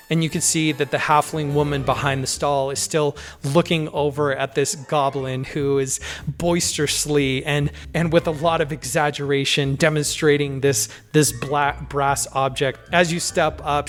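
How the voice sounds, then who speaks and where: A game master narrating a tabletop game in a vivid, descriptive, unhurried way. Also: mid-range voice.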